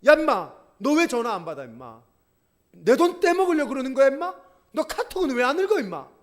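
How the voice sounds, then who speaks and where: Man playing a hot-headed creditor, shouting, rough, high and wild. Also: big pitch swings, a little fast. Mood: furious.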